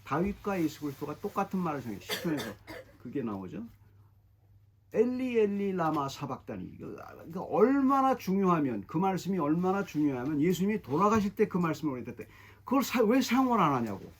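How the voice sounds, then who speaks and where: Husky, lively Korean pastor preaching. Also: male voice, a little high, fast. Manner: animated, emphatic, repeats phrases. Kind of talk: expository sermon.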